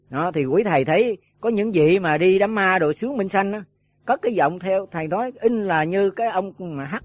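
Speaking in a slightly high voice, a Buddhist monk teacher wanders through a dharma talk for fellow monks, leaning on fillers and rhetorical questions. The lo-fi recording is dull and dry, with no room sound.

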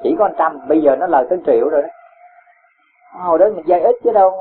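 A man, a Buddhist teacher giving a gentle dharma talk with homely examples and chuckles. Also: fairly high pitch, animated, fast, a little hiss or hum. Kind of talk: dharma talk answering a follower. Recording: tinny phone-like lo-fi sound.

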